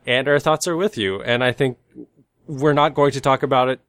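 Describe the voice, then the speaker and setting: A man's voice: medium pitch, steady tone, moderate pace, a bit bright, no echo, clean studio sound. A man with a slightly nasal, stuffed-up voice from a cold, co-hosting a casual podcast. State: congested from sneezing. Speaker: podcast co-host.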